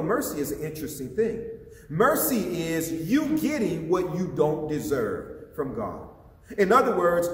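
A man, an associate pastor, preaching a sermon with passion and putting questions to his listeners, recorded in a church sanctuary. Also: high-pitched. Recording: echoey hall, voice from a distance.

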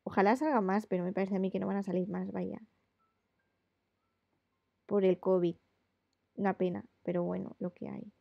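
Chatty woman with a gravelly voice. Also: mid-range voice, fairly even intonation, normal speed, long pauses, no room sound, highs cut off. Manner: chatty, rambling with many fillers. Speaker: illustrator. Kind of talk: casual chat while drawing live.

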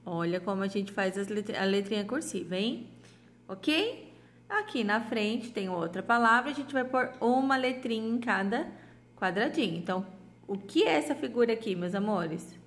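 A woman teaching young children in a gentle, affectionate way, sounding out syllables slowly and checking in often. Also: medium pitch, lively intonation. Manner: affectionate and sing-song, with diminutives and frequent "ok?" check-ins. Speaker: primary school teacher. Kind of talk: slow, gentle remote lesson for young children.

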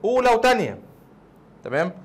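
A man's voice: sits high, big pitch swings, a little fast, husky. A young man with an Egyptian Arabic accent, a chemistry teacher explaining casually, quizzing the listener and answering his own questions.

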